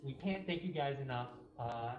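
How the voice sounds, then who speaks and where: A woman casually hosts an informal livestream walkthrough of an indoor cat cafe room. Her voice is very deep and expressive at a normal speed. The lo-fi recording has a roomy echo with faint music in the background.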